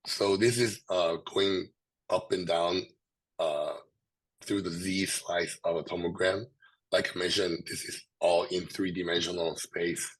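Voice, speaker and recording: Hoarse, low-voiced man with a sore throat. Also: level tone, unhurried, poor audio. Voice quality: hoarse, husky. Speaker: presenter, researcher. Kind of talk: scientific presentation.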